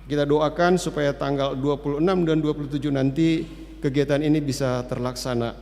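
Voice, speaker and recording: A man of about sixty giving church announcements in a relaxed, chatty way, with many hesitant fillers. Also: fairly high pitch, fairly quick. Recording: long reverb of a church hall.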